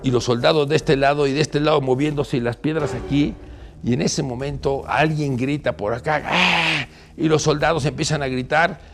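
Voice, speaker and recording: A man with a Mexican accent telling a personal story in an animated way, acting out the voices of other people. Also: a little high, a little fast. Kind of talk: personal anecdote monologue.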